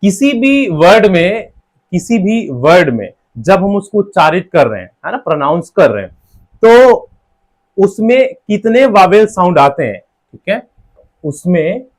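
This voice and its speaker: A man's voice: high-pitched, sing-song. Man teaching phonics, syllable by syllable. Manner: explains step by step, breaks words into sounds slowly, repeats "theek hai". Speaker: exam-prep teacher. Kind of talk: classroom-style lecture.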